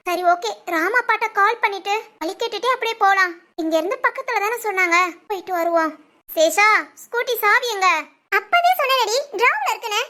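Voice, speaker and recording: Bright high-voiced woman in drama. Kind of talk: village web drama acting.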